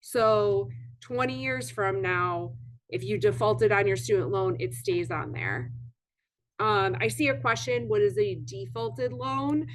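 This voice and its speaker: Woman, webinar presenter, mid pitch, halting speech, frequent ums, computer mic. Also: poor audio.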